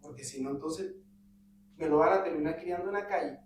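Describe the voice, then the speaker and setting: A man's voice: on the high side, fairly quick. A man in a Bible study talks animatedly about raising his son, acting out their exchanges. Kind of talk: conversational testimony. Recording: roomy, distant mic with faint hum.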